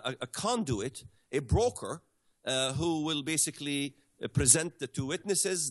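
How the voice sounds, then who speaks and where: A man from the Middle East speaks at an ordinary, middling pitch as a guest explaining a subject in conversation. He pauses often, fills gaps with hesitant sounds and restarts his phrases. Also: fairly bright tone. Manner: hesitant, many fillers and restarts. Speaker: guest commentator.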